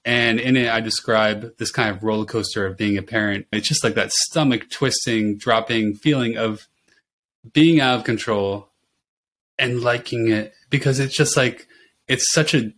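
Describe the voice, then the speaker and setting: A middle-aged man talks as a podcast guest, swapping parenting stories with an easy, animated energy. He laughs readily and his voice sits in an ordinary middle range. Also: mid-range voice, moderate pace. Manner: animated storyteller who laughs often. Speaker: podcast guest, pediatric oncology nurse. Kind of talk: casual interview chat.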